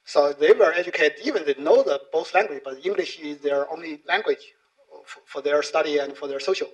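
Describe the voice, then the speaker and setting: A middle-aged native Chinese speaker talks a little fast in a slightly high voice, explaining things informally at a conference in non-native, Chinese-accented English. He often pauses for short tag questions, and the recording is rough.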